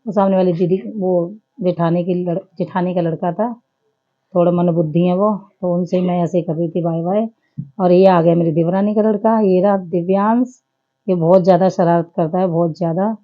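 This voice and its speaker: A woman's voice: lowish voice, fairly even intonation, moderate pace, highs cut off. Chatty woman narrating a family vlog. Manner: chatty, homely running commentary. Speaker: family vlogger. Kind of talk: casual vlog voice-over.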